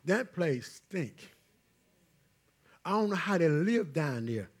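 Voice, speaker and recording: Pastor, male, high husky voice, call-and-response sermon with big swings from loud to hushed. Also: sing-song, slow pace. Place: church.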